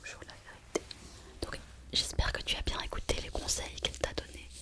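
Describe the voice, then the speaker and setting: Woman as a whispering fortune teller, whispered role-play. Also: natural voice. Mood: insistent, reassuring. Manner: slow, repetitive fortune-teller delivery, addressing the listener. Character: mystical female fortune teller reading horoscopes, mysterious and reassuring.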